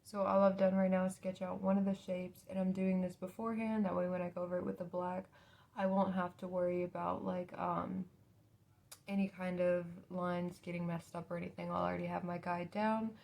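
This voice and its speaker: Low, creaky young woman, mouth recovering from wisdom teeth surgery. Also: little pitch movement, a little fast, a little mellow. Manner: informal, apologetic, thinking aloud. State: mouth recovering from wisdom teeth removal a few days earlier. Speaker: makeup tutorial vlogger. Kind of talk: casual chatty makeup tutorial.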